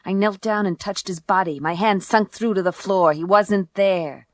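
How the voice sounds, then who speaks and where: A woman with a mid-range, everyday-sounding voice plays a tough, sardonic female private eye in a noir radio drama, delivering first-person narration and dialogue at normal speed. She sounds dry, unimpressed and hardboiled, with a cool, wry mood, and music plays beneath her voice.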